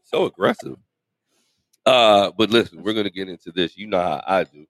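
A man's voice: sits low, fast talker, no echo. A man co-hosting a live podcast from a taproom, playful and teasing, hyping up the crowd. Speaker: podcast co-host. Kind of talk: lively live podcast banter. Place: restaurant taproom, live show.

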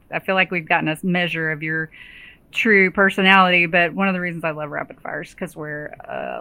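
An American-accented woman hosting a podcast, conversational and expressive, with emphatic reactions. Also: on the low side, no echo. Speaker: podcast host.

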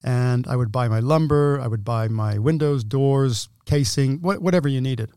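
A man's voice: mid-range voice, normal speed, warm tone, clear, resonant tone, no room sound, studio quality. A man in his sixties from England, a business owner, explaining his trade in detail in a casual interview. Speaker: guest, window company owner.

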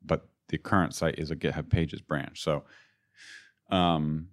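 A man with a remarkably deep, low voice speaks in an unhurried, informal, steady way. Still recovering from an illness, he explains technical topics casually, like a podcast co-host in a relaxed tech chat.

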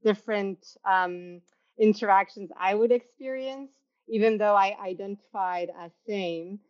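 A woman's voice: mid-range voice, a little slow, a little mellow. Woman from Turkey, young, chatty, restarts, slightly dull lo-fi video-call audio. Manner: chatty, many restarts and fillers, laughs often. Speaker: podcast host. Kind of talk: casual interview chat.

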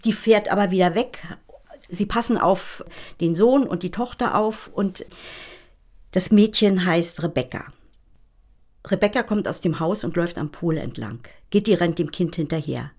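A woman's voice: fairly low pitch, moderate pace, darkish tone. Woman reading and discussing a film. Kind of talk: conversational film discussion with read-aloud passages.

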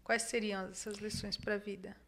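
A young adult woman from Brazil with a Brazilian Portuguese accent, hosting a casual livestream and talking with her mother in a lively, chatty way. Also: mid-range voice, normal speed, a little hiss or hum.

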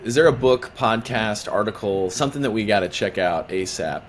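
A man's voice: lowish voice, expressive, normal speed, a little hiss or hum. A man hosting a casual interview, upbeat and jokey, with plenty of fillers. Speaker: podcast host.

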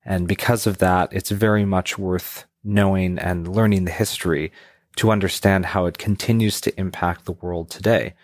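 A man's voice: deep voice, steady tone, normal speed, dry recording, clean studio sound. A man, a guest giving a formal, lecture-like prepared explanation. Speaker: network member guest.

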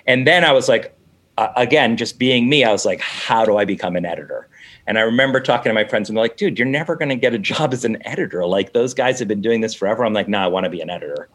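A man's voice: fairly low pitch, animated, fast talker, fairly bright tone. A middle-aged man, an interview guest, telling a story casually and acting out both sides of the conversations.

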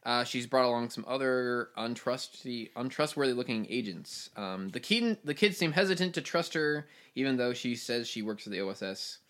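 A podcast host recaps a film plot casually, rambling through the story with lots of fillers. His medium-pitched voice is expressive and a bit bright, moving at normal speed with few pauses.

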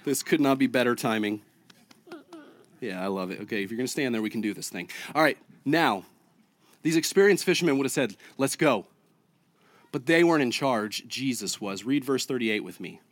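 A man's voice: mid-range voice, animated, brisk, no room sound. A male pastor preaching a conversational sermon, full of rhetorical questions to the congregation. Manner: chats casually with a child mid-sermon.

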